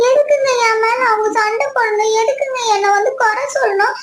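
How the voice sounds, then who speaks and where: A woman's voice: very high-pitched, fairly even intonation, moderate pace, slight background noise. A woman playing a young wife in a home skit, teasing her husband and turning to sing-song wailing when upset. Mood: tearful. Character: young wife, teasing, quick to tearful complaint. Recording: echoey room.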